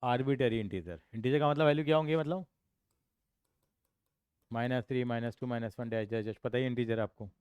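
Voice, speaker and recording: Male tutor, walks students through each step with quick questions, smooth and dry. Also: mid-range voice, steady tone, dry recording, lo-fi sound. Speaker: accounts and maths tutor. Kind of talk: classroom teaching.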